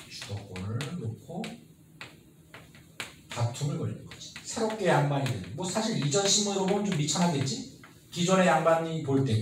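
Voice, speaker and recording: A man giving a lively history lecture who asks his students constant questions and acts out the people he quotes. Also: a little high. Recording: very echoey room, mic at a distance, faint noise.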